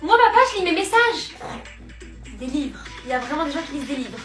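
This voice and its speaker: A smug little kid with a squeaky, very high voice. The kid talks fast and slyly, set back from the mic. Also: male voice, sing-song, far from the mic, over music. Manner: squeaky, smug, quick-talking. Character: cheeky little kid sibling, sly and mocking.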